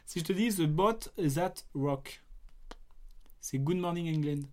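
A man's voice: on the high side, takes it slowly. A man hosting a casual film podcast, teasing and quizzing his co-host about movie titles. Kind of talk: casual film chat quiz.

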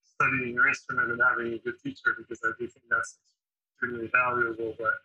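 Here the drummer-host talks at a quick pace in a bright, forceful, slightly rough mid-range voice with little pitch variation. He's chatty, telling lengthy anecdotes full of fillers, and the sound is dull and lo-fi.

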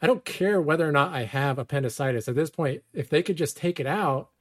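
A man's voice: fairly high pitch, lively intonation, a little fast. A man in his thirties casually telling a personal story, wry and self-deprecating, laughing often. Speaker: storyteller guest.

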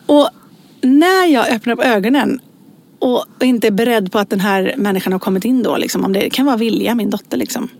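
A woman's voice: fairly high pitch, creaky. A woman in her forties telling anecdotes in casual chat, acting out voices as she tells them. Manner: animated storyteller, acts out voices in anecdotes. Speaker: podcast co-host.

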